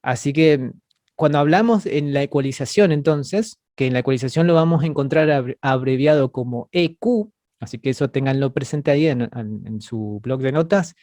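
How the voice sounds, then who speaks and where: A man's voice: mid-range voice, normal speed, warm tone, no echo, studio quality. Man teaching over a video call. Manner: patient, explanatory, repeats words as he goes. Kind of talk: online class lecture.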